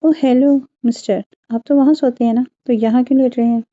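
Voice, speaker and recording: A woman's voice: fairly high pitch, steady tone, brisk, dark tone, dull audio, lightly acted. A woman voicing a feisty young newlywed wife who answers back in playful bickering. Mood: sassy.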